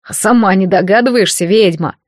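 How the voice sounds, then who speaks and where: A woman reading an audiobook voices a burly male guard who mocks and bullies his captive in a gruff, rough way, recorded close and dry. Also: mid-range voice, brisk, darkish tone, dry recording, close to an everyday voice. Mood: mocking. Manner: gruff, jeering. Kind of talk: audiobook character voice.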